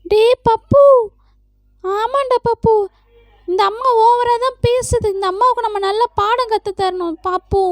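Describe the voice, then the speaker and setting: A woman's voice: very high voice, a little slow, no echo, studio quality. A woman voicing a young girl sidekick in a doll play, egging her friend on. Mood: scheming.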